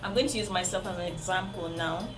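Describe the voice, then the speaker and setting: Her voice is lowish and fast, with fairly even intonation. A native Igbo speaker with a Nigerian accent, she vlogs about parenting, giving sincere advice directly to viewers and repeating the main points, with music in the background.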